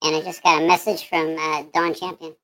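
A man talking through a voice changer that makes him sound like a babyish male voice with a helium-like pitch shift, chatting casually. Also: flat delivery, a little fast, sharp tone, low-quality recording. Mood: playful. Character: babyish male voice, squeaky and high.

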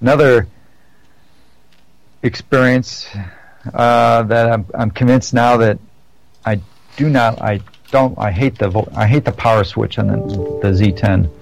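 A man's voice: mid-range voice, measured pace, creaky, pauses often, faint music behind, low-quality recording. A man chatting casually on a podcast, rambling through stories with many restarts and self-corrections. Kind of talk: casual chat.

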